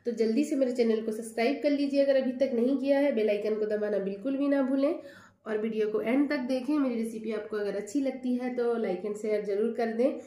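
In her home kitchen by a gas stove, a woman hosting her own cooking channel talks through each recipe step in a chatty, patient way. Her voice is fairly high and dark-toned, fairly quick, with fairly even intonation.

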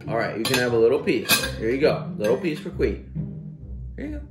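A man's voice: medium pitch, sing-song, fairly quick. A young man chatting playfully to his pet in a coaxing, mock-serious way, recorded in a home kitchen from across the counter. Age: young adult. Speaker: pet owner making a dog video. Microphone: camera across the counter. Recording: roomy kitchen sound with music behind.

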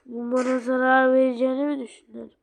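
A woman voicing a cold, taunting ragdoll killer in a low, hushed whisper. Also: little pitch movement, quick pace, creaky.

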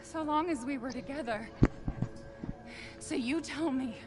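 A woman's voice: high-pitched, measured pace, loud music behind the voice. Game role: distraught young mother, pleading and accusing. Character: desperate young mother demanding answers. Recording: game audio with background noise.

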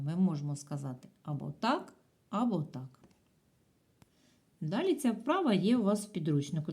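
A woman gives a video lesson to young schoolchildren, patient and clear. Her voice is mellow and slightly low. Her pitch swings widely in a sing-song teaching manner. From Ukraine.

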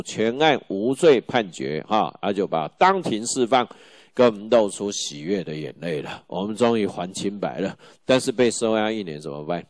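A middle-aged man lectures law students in a lively, joking way, his fairly low voice swinging widely in pitch. He keeps tossing rhetorical questions at the class. The sound is close and dry, with no room echo.

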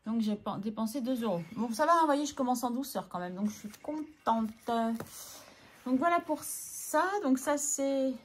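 Woman, higher voice, casual vlog chatter, self-talk, counting aloud, faint background noise. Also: lively intonation, normal speed. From France. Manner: talks to herself, scolds herself by name, counts aloud. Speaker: budgeting vlogger.

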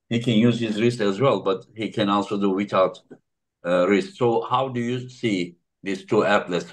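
A man hosting a casual video-call interview, chatty and quick to repeat short affirmations like "yeah, yeah.". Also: on the low side. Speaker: podcast host.

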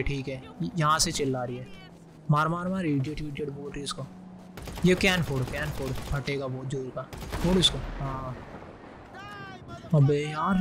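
A man giving live gameplay commentary, excitedly shouting quick callouts. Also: fairly high pitch, background noise. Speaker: gaming YouTuber.

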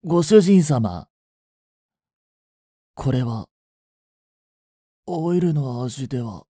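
For a Japanese romantic audio drama, a man takes the role of a polite, devoted android servant swept up in feverish love, using formal speech in breathy, halting phrases. His medium pitch and dark tone come with lively intonation, though the mood stays polite and flat. It's studio quality with no echo.

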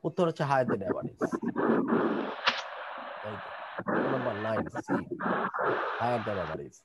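A man with a Bangladeshi accent teaching English grammar in an online class, reading test sentences slowly and then explaining them in rapid bursts. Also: medium pitch, big pitch swings, slight background noise.

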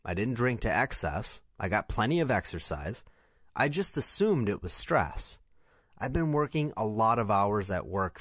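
A man's voice: lowish voice, no room sound, clean studio sound. A man reading a scripted first-person story in a confessional tone.

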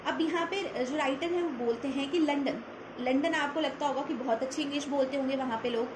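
A woman teacher talks through a literary essay in a high voice, conversational and full of rhetorical questions. Her voice rings in an echoey room, with faint background noise. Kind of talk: explaining a text in a lesson.

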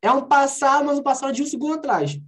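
A woman teaching an English conversation class over a video call, explaining phrases and repeating English examples slowly. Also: sits high.

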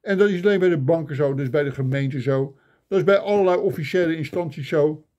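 Older guy griping into his phone cam, bit high voice, mellow sound, mock outrage. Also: fast, lo-fi sound. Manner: mock-indignant, grumbling complaints. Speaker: vlogger. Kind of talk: ranting comic monologue. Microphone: phone camera.

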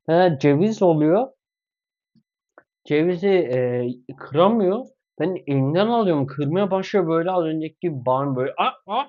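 A man vlogging casually with his parrot and dog, talking to viewers and coaxing and scolding the animals playfully. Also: a little high. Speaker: pet vlogger. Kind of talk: casual vlog talk to pets and viewers. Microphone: clip-on mic. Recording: slightly dull lo-fi sound.

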